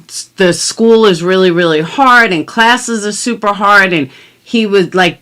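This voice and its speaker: A middle-aged woman commentary vlogger chats casually and gives mock-dramatic readings of legal documents, emphatic and blunt, swearing freely. Her voice is fairly low, bright, and forceful.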